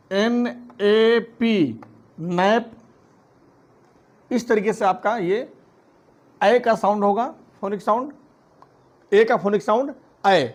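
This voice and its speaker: A man teaching a phonics lesson, spelling words out letter by letter and then saying each one slowly. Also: high voice. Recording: dull lo-fi recording.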